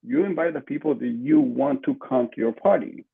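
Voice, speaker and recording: Over muffled, lo-fi video call audio from a small room at home, an older marketing entrepreneur from Lima, Peru speaks as a podcast guest into a computer mic at desk distance. He uses a Peruvian Spanish accent and emphatic repetition in a conversational way, his mid-range voice creaky and slightly rough at normal speed.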